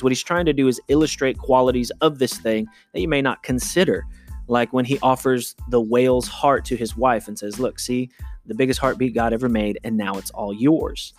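A male high school English teacher giving a relaxed recorded review lecture, acting out quoted lines now and then. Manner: conversational, acts out quoted lines.

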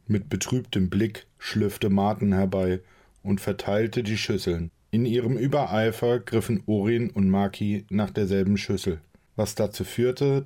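A man reading a fantasy novel aloud as an audiobook narrator, calm and measured. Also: lowish voice. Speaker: audiobook reader.

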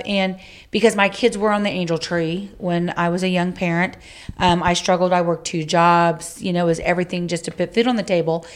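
A middle-aged woman co-hosting a podcast, chatting casually and heartfelt, rambling with many fillers. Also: fairly low pitch. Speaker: podcast co-host. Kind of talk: casual chat.

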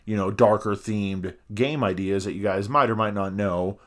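A man's voice: lowish voice, fairly even intonation, moderate pace, a bit bright. A man co-hosting a podcast in casual banter, talking with half his face numb from the dentist. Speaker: podcast co-host.

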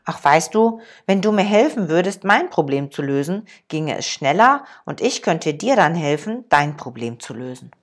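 Woman voicing a wise old master, calm, measured, storybook reading. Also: low-pitched, pitched below the performer's own voice.

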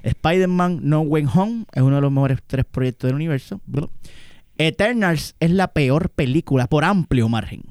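Puerto Rican male podcast co-host, joking and cursing, with a smooth, resonant voice. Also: on the high side, normal speed, a little mellow, dry recording, studio quality. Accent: Puerto Rican Spanish. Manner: joking, swears, laughs a lot. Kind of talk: casual banter.

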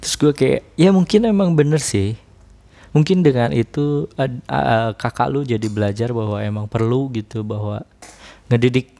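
A man's voice: mid-range voice, moderate pace, vocal fry, mellow. Young man, casual monologue; rambling, second-guesses himself, laughs often. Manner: rambling, self-questioning, many restarts and laughs.

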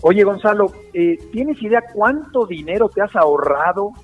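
A man who asks questions as an interviewer and prompts his guests in a friendly way. His voice sits fairly high. The audio is tinny and phone-like, with music faintly underneath. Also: animated, normal speed.

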